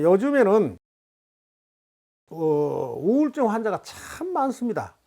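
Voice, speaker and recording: A Buddhist monk giving a Dharma talk, teaching in a calm, measured way with everyday examples and asides. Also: medium pitch.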